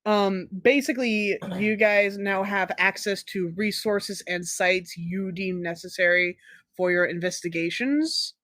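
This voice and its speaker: Game master narrating a tabletop game, kinda slow and halting, trips over words, dry sound. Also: medium pitch, a bit bright, no echo. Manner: hesitant, stumbling over words.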